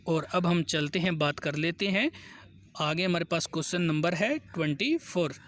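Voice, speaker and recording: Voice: mid-range voice, normal speed, fairly bright tone, a little hiss or hum. A teacher giving a grammar lesson for exam prep, working through questions one by one, repeating each answer and reading the question numbers in English.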